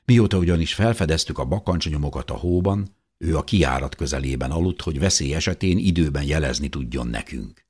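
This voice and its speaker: A middle-aged man reading a first-person audiobook in a tense, expressive storytelling manner. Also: a bass voice, few pauses, breathy edge. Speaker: audiobook reader.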